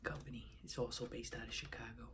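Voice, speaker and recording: Man, thirties, Boston accent, casual reviewer, reading aloud at times, medium pitch, faint background noise. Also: fairly even intonation, quick pace. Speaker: beer reviewer. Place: home room, indoors.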